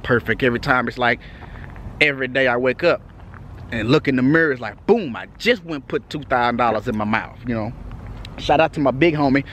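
Talking brisk and easy, a Texan vlogger addresses his viewers outside at night in a casual update, repeatedly saying "you know what I'm saying." He has a Texas accent and a medium-pitched, fairly bright voice, with some slight background noise.

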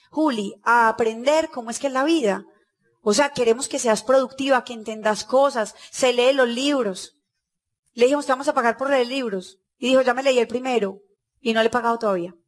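A woman giving a motivational talk to an audience at a business conference, telling stories and acting out the dialogue. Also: a little high. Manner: lively storytelling, acting out dialogue.

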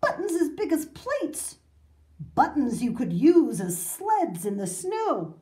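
A woman's voice: fairly high pitch, big pitch swings, slow. A woman voicing a boastful old grandfather who spins gleeful tall tales. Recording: roomy echo.

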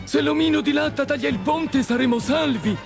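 A man voicing an eager, excitable straw scarecrow in a storybook reading, with a shrill gravelly squeak and urgent exclamations. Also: brisk, over music. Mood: excited. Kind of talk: storybook character voice.

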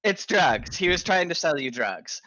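A player speaking in character during a tabletop game, animated and theatrical. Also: mid-range voice, normal speed, no echo.

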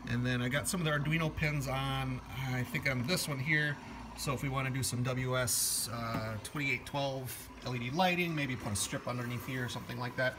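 A hobbyist maker shows off a project in a casual, unscripted way, thinking aloud as he goes, in a medium-pitched voice that's brisk and fairly even. He's in an indoor room, maybe a workshop or office, filmed on a handheld phone or camera by someone behind it. Radio music plays loudly over his voice, and the background is noisy.

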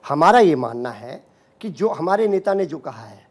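A man's voice: a little high, sing-song, moderate pace. A man speaking as a party spokesperson in a heated TV debate, combative and repeating his lines. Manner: combative, repeats slogans, interrupts.

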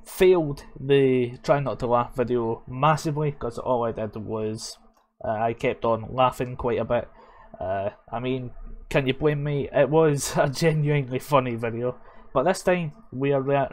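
A young man talks through funny clips in a loose, casual way, cursing freely and breaking into laughter often. His voice sits at an everyday middle pitch. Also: slight background noise. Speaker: YouTuber reacting to clips. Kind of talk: casual reaction commentary.

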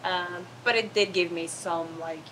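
A woman in her twenties from northern Norway, a Norwegian speaker talking in English as a guest in a casual chat, cheerful and animated, on an outdoor patio. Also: lowish voice, measured pace, a little hiss or hum, low-quality recording. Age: 20s.

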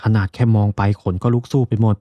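A man's voice: fast talker, warm tone, no echo, close to an everyday voice. A man doing a jumpy timid young laborer. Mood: nervous. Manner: nervous, fretful.

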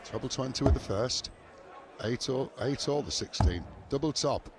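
A man's voice: medium pitch, normal speed. A man giving live sports commentary on a darts match. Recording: noisy crowd behind commentary. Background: crowd noise.

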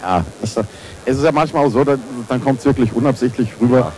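A man's voice: medium pitch, lively intonation, brisk, dark tone, poor audio. A man giving casual, conversational co-commentary on a fight, a little hesitant as he speaks.

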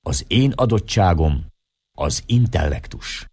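A man's voice: low-pitched, lively intonation, darkish tone, husky, dry recording, studio quality. A man voicing a proud European man who lectures earnestly about his intellect, in an audiobook reading.

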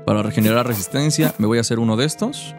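Mexican guy live streaming a video game, mid pitch, jokey slang, faint music under him. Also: fast. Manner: joking, slangy. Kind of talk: casual live game commentary. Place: indoor streaming room.

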